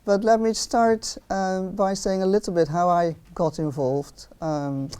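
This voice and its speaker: At an outdoor garden event, a Dutch woman with a Dutch accent, a philosopher of art acting as interviewer, gives a public talk with frequent ums and restarts. Her medium-pitched voice is steady, unhurried, mellow and clean.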